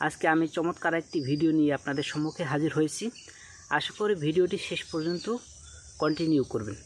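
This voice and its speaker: A man teaching English pronunciation, saying example words slowly and deliberately and repeating them with emphasis. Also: on the high side, steady tone, slight background noise. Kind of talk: pronunciation lesson.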